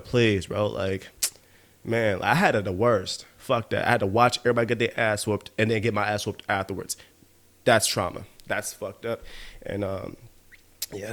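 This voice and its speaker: A man with a lowish voice hosts his own podcast in a casual, rambling monologue. He talks loosely and profanely, peppering his lines with "bro" and "you know what I mean". He sounds a little tipsy from drinking. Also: fairly bright tone. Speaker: podcast host.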